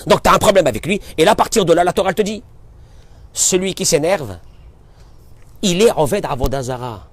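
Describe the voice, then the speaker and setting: A rabbi giving an impassioned sermon, swinging from quiet talk to shouting and acting out exchanges his listeners. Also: a little high, lively intonation, brisk, long pauses, dry recording. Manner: acts out dialogue with listeners, addresses them familiarly. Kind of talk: animated sermon.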